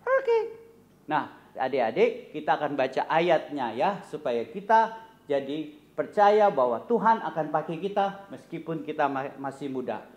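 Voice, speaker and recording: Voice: mid-range voice, expressive, normal speed, a little mellow. A children's church teacher hosting a kids' service, cheerful and coaxing, talking straight to the children, in a slightly dull recording. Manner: cheerful, coaxing, addresses the kids directly.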